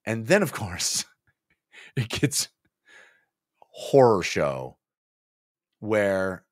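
Speaking extremely slowly yet very animated, this forties-aged book club podcast co-host has a lowish voice. He talks casually and emphatically into a close boom-arm podcast mic in a small indoor home office, with no room sound at all.

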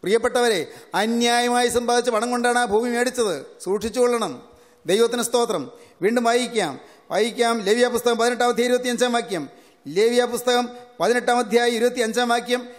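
A man preaching with a strikingly high voice that rings out in a hall with a long reverb. He repeats each scripture phrase at a slow, deliberate pace, then drives his point home with steady repetition. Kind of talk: sermon.

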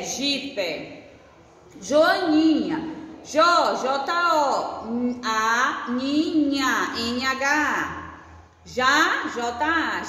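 A woman's voice: high voice, a bit bright. A woman teaching a first-grade class, patiently sounding out letters and syllables. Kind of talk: recorded online class lesson. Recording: echoey room with faint noise.

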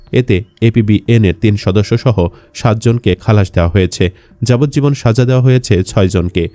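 A man's voice: lowish voice, dark tone, dry recording. A man reading scripted news narration for an online channel.

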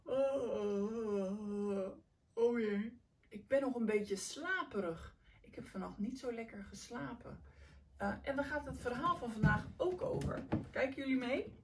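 A woman reading a picture book aloud to children, telling it in an animated, warm storytelling style. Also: on the high side, normal speed, distant mic.

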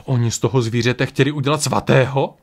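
A man's voice: mid-range voice, steady tone, gravelly, breathy edge. A man voicing a shocked, hot-tempered young man who reacts with outraged outbursts. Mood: incredulous.

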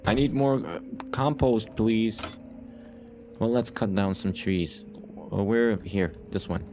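Speaking slowly with a steady tone and lowish voice, a host gives let's play commentary against music and a noisy background. The gaming YouTuber, low on sleep, rambles casually and playfully, often repeating phrases he's already said.

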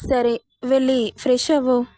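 A worried aunt-in-law who fusses and chatters, read by a woman in a fairly high voice. She sounds concerned and busy, and the recording is dry and close. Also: little pitch movement, normal speed, warm tone, dry recording, natural voice. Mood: fussing.

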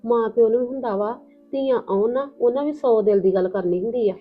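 Speaking a little high and a little fast, in a near-everyday voice, a woman voices a scolding yet protective elderly paternal aunt. The character is blunt and motherly, part of a Punjabi village family drama, delivered in a Punjabi accent. Music plays under a tinny, lo-fi, phone-like recording.

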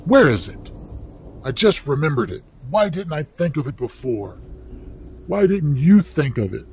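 A man voicing a frantic, grieving old mother in a read-aloud story, shrill and pleading. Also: sing-song, a little slow, slight background noise.

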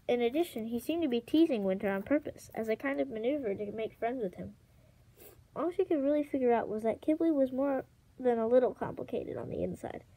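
A woman reading a children's fantasy novel aloud as an amateur audiobook, in a steady storytelling manner. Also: on the high side, brisk, poor audio. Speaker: audiobook reader.

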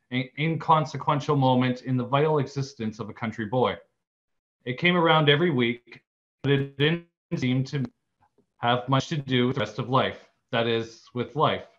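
A man's voice: mid-range voice, a bit bright. Man preaching, slightly dull recording. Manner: storytelling, reading aloud with small self-corrections. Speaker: minister. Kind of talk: sermon.

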